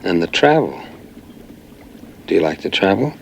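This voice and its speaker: TV drama villain: predatory smooth-talking man, swooping insinuating delivery, faint noise behind. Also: low voice, very animated, normal speed, exaggerated voice. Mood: coaxing, sly. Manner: coaxing, insinuating. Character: smooth-talking, predatory male porn recruiter.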